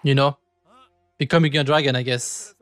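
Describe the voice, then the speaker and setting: A man's voice: mid-range voice, fairly even intonation, moderate pace, no echo. A man streaming casual anime reaction commentary in short, offhand, chatty remarks. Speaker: VTuber streamer. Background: music from the show being watched.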